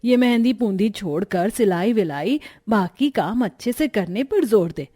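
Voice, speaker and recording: A woman's voice: mid-range voice, lively intonation, measured pace, warm tone. Woman voicing a lecturing worried mother. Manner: lecturing, teasing. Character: worried, teasing middle-aged mother of the bride.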